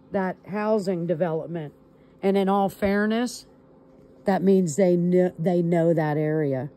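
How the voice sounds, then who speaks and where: Her voice lowish and mellow, a female caller walks police through events one step at a time, speaking deliberately and with emphasis on a recorded line.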